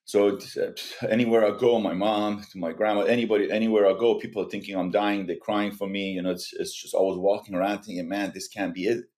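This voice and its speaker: Low-voiced Iranian-born man telling his story. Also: steady tone, a little mellow. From Iran. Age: 40s. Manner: earnest, halting, with frequent restarts. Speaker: guest. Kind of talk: personal story in a podcast interview.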